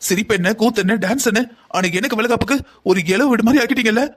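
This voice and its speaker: A woman's voice: fairly high pitch, fast, natural voice. A voice actor playing a pregnant young woman in a cartoon, indignant and complaining. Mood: aggrieved. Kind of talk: cartoon voice acting.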